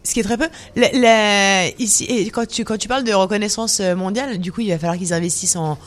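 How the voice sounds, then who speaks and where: A woman hosting a casual radio show, introducing her guest and chiming in with quick reactions and halting questions. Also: mid-range voice. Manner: interjects short reactions, stumbles on questions. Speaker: radio host.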